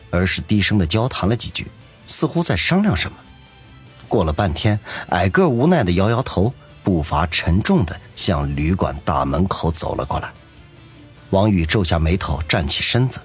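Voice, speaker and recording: A man narrating a serialized novel with expressive storytelling. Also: sits low, normal speed, slightly rough, soft background music. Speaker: audiobook narrator.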